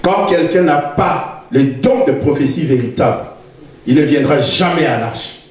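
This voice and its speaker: High-voiced pastor preaching in an echoing church. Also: male voice, expressive, measured pace. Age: 50s. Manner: emphatic, bursts into shouting, teasing. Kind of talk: sermon. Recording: echoey church hall, distant mic.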